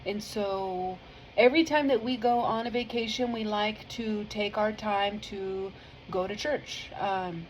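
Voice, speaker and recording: A woman's voice: medium pitch, fairly even intonation, measured pace, slight background noise, poor audio. A woman with a family, giving a casual spoken testimony about her faith in an earnest, rambling way, full of fillers and easily moved to tears. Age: adult with a family. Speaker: vlogger sharing a faith testimony.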